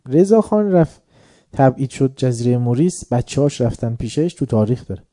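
Man with a very dark, dry voice. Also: mid-range voice, no echo. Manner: lively anecdotal telling, chuckling. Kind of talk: storytelling religious talk.

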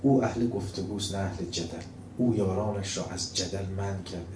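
Calm classy skeptic old guy talking slow and low, a preacher doing the voice, roomy echo. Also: far from the mic, noisy background, natural voice. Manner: quiet, unhurried, measured. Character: calm, refined older male skeptic scholar.

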